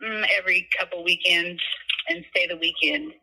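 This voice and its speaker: A woman's voice: fairly low pitch, fairly even intonation, normal speed, bright, forceful tone, husky. A woman being interviewed over the phone, answering hesitantly with many uhs. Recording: tinny phone line.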